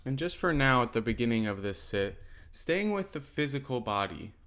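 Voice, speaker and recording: Guiding a mindfulness meditation, a male teacher gives gentle, unhurried instructions broken by pauses. His voice sits at medium pitch but swings widely in pitch.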